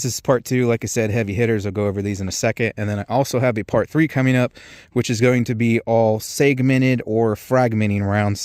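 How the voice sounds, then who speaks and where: Man, low voice, dry close sound, casual test-video host, informal rambling explanations. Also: darkish tone, no room sound. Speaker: host of an ammunition test channel. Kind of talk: casual product-test commentary.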